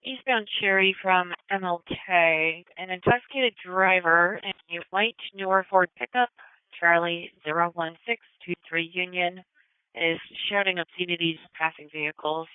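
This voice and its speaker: A woman's voice: lowish voice, steady tone, normal speed, clear, resonant tone, no echo. Woman dispatcher over police radio. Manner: terse, procedural, reads out codes and addresses. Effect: police radio transmission. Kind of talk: clipped dispatch radio calls. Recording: narrow-band scanner radio, dry.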